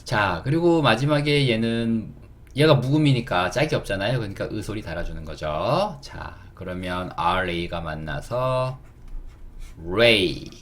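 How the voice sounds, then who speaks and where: A man's voice: lowish voice, expressive. A man teaching beginners English words, patiently asking questions and answering them himself. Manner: spells words slowly letter by letter.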